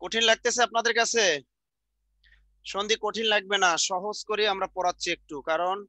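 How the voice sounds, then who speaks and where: A middle-aged man teaching an exam-prep grammar lesson, repeating sounds slowly and quizzing the class. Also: high-pitched, fairly even intonation, pushed and bright, no echo. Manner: repetitive, drills sounds out slowly, asks the class questions.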